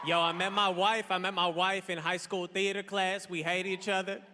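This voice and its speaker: A man in his thirties performs stand-up with a high, bright voice. He talks bluntly in a loose, irritated, chatty way. The sound comes from a big hall with a long echo and some faint hiss. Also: flat delivery, moderate pace. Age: 30s. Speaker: stand-up comedian. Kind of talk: stand-up comedy set. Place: large theater stage.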